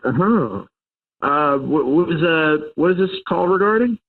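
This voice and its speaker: A man's voice: on the high side, lively intonation, unhurried. A man on a phone line, hesitant and stammering, making excuses to his wife. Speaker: prank call target. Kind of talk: phone conversation.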